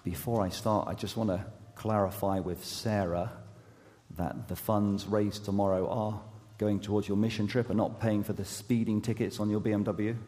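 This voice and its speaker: The speaker is a man preaching as an associate youth pastor, his fairly low, steady voice growing hoarse as it gives out. He stumbles through with frequent fillers and restarts and mild self-deprecating humor, recorded in a church sanctuary with long hall reverb.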